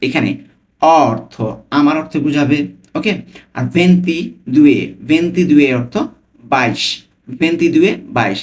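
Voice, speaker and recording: A man with a Bangladeshi Bengali accent giving a language lesson, breaking phrases into single words and repeating each one slowly. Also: fairly high pitch, expressive. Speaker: language teacher.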